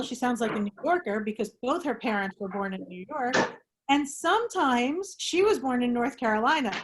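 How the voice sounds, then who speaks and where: A woman hosts an online group discussion over a video call. Her voice sits a little high. She talks in a rambling, animated way and often restarts her sentences. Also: slight background noise. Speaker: discussion host. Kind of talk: casual talk to an online group.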